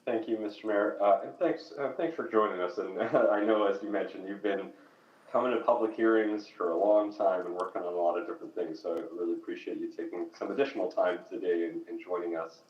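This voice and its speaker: A man's voice: deep voice, steady tone, lo-fi sound. A city councillor speaking politely at a public hearing, sounding hollow and echoing as if in a tunnel, too far from his mic. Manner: polite, measured, thanks the speaker. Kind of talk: formal public hearing questioning.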